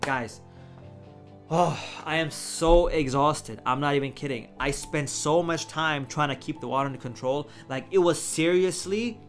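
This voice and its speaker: A man recounts a mishap in a casual, animated storytelling voice, often laughing and acting out his own reactions. His voice sits a little high for a man. Faint music plays behind him. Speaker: vlogger.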